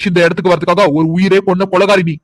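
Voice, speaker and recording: A man's voice: sits high, level tone, quick pace, no room sound, close to an everyday voice. A man voicing a contemptuous young husband in a cartoon drama, delivering scolding tirades. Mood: scornful anger.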